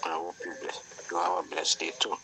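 A man, a listener, heard through a voice message played back on air, speaking softly and earnestly, some words close to a whisper. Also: deep voice, completely flat delivery, moderate pace, crowd noise, rough recording. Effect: played-back phone voice message. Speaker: listener sending greetings.

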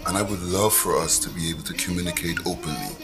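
A man's voice: low-pitched, fast, over music. An actor playing a middle-aged father in a domestic drama, stern and protective of his grown daughter. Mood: apologetic, earnest.

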